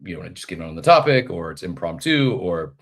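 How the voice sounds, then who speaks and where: A man with a very deep voice hosts a casual live audio show, congested and nasal from a head cold. He rambles in a friendly way, full of fillers and restarts. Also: sing-song, fairly quick. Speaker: podcast host.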